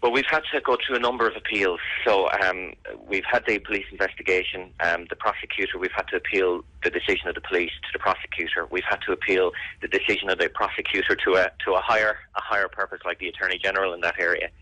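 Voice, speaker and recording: A man's voice: deep voice, steady tone, quick pace, hardly any pauses, pushed and bright, no echo, low-quality recording. An Irish man answering questions in a serious radio interview, earnest and insistent, repeating phrases for emphasis. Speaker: interviewee, bereaved brother campaigning for an investigation.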